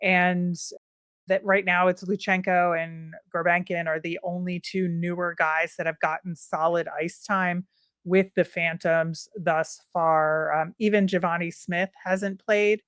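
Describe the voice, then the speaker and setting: A woman co-hosting a sports podcast in a relaxed, chatty way, musing aloud and filling pauses as she goes. Her voice sits a little low, and the recording is close and dry with no room sound. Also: no echo. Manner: conversational, thinking aloud with fillers. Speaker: podcast co-host. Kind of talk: casual sports podcast chat.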